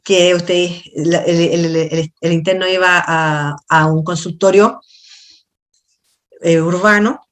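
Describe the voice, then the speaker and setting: A middle-aged woman with a Chilean accent giving a university class over a video call, chatty and questioning her students, explaining in a halting way. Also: lowish voice, steady tone. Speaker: university lecturer. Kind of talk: online class lecture.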